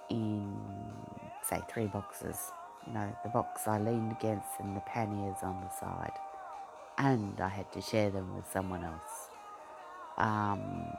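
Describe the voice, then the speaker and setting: With a pop song in the background, an Australian vlogger whose accent was broadened by Queensland life chats loosely, wandering off topic amid many ums and restarts. His voice is on the low side and gravelly.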